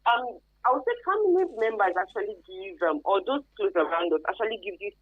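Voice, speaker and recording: Speaking as a guest expert on human trafficking in a radio interview, a woman with a Nigerian accent explains emphatically and conversationally, dropping in local Pidgin tags. Her voice is husky and medium-pitched, with lively intonation and a fairly quick pace. It comes through thin, band-limited and phone-like, without room sound.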